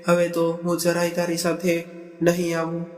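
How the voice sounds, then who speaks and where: A proud, angry young wife in a storybook, read by a man with a high, level voice that barely rises or falls. She sounds set in her ways and speaks in a plain, even manner. The voice rings in a roomy, echoing space with soft music underneath. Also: normal speed, lightly acted. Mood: defiant.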